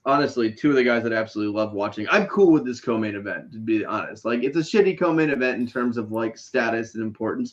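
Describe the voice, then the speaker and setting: A man in his late thirties co-hosting a casual podcast, animated and teasing, swearing freely. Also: mid-range voice, dull audio. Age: 30s. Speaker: podcast co-host.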